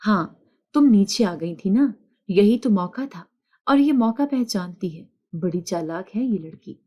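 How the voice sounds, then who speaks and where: A woman doing a bossy, spiteful older mother-in-law in an audio story, scolding and taunting her household in a soft, mellow voice. She sounds sharp-tongued and sure of herself. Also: mid-range voice, expressive, natural voice. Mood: commanding.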